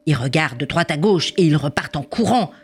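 A woman's voice: sits low, animated, fairly quick, husky, heavily acted. A woman voicing a stern, suspicious male police officer who speaks insistently and accuses. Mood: accusing.

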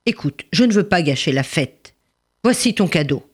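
Storybook part: woman as a calm pious father, soft and gentle. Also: low-pitched, normal speed, slightly rough. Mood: solemn.

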